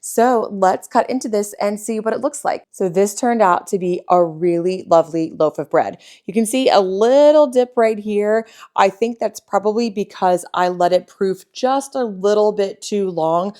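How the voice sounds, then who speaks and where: A young woman hosting a home baking channel, calmly walking viewers through a sourdough bread recipe step by step in an easygoing, friendly way. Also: mid-range voice, normal speed, hardly any pauses.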